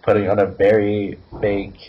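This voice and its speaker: A man's voice: fairly low pitch, completely flat delivery, moderate pace. A man narrating a fan story in an amateur group reading, giggling now and then. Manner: giggly, breaks up laughing. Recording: muffled lo-fi with faint hiss.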